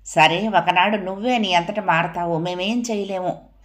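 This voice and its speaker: A woman's voice: fairly low pitch, steady tone, unhurried, fairly bright tone. A woman reading as a weary, grave elder brother. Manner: heavy, reproachful.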